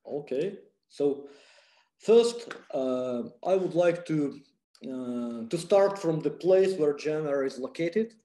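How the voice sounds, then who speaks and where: A man with a Russian accent gives a popular science lecture in a somewhat high, mellow voice. He speaks haltingly, with many fillers and restarts. The room adds a noticeable echo. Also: expressive. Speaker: physicist lecturer. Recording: echoey room.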